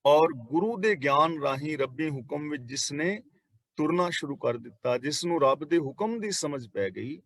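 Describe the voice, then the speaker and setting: A man's voice: a little high, animated, dry recording. Earnest Punjabi man explaining scripture. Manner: repeats and explains each verse, slows down on quoted lines. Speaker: Sikh scripture teacher. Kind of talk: line-by-line scripture commentary.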